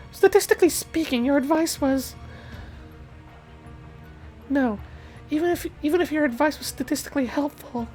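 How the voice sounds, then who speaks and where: A man voicing an earnest, timid young woman in a high, soft, stumbling voice.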